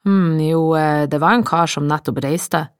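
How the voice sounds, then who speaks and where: A woman voicing a wary middle-aged male innkeeper who speaks in a gruff, drawling, folksy way in an audiobook. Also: sits low, no room sound, studio quality, natural voice.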